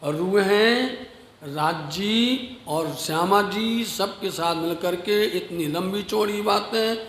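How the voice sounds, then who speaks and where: Slow, high-voiced preacher in a reverberant hall. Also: male voice, fairly bright tone, a little hiss or hum. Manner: slow, earnest, rising to emphatic exhortation. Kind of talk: devotional sermon. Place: ashram hall. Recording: echoey hall with long reverb.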